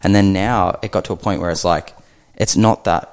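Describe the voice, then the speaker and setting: A laid-back Australian man chats as a podcast guest. His voice sits low and gravelly, and he swears freely. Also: steady tone, normal speed. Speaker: guest, gym co-founder. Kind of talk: casual podcast chat.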